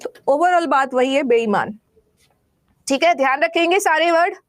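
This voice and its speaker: A woman's voice: high voice, moderate pace. A woman teacher explaining vocabulary, asking questions and answering them everyday examples. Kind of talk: classroom vocabulary lesson.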